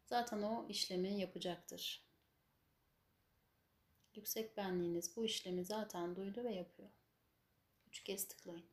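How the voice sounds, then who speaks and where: A woman leading a spiritual healing session as guided meditation and prayer, giving instructions and blessings in measured, solemn phrases. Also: medium pitch, steady tone. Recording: echoey room, faint background noise.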